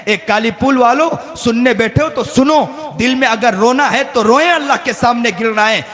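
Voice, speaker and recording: A man preaching an emotional sermon, rising into fervent shouts and repeating pious invocations to a gathering. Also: very high voice. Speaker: Islamic preacher. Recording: long hall reverb.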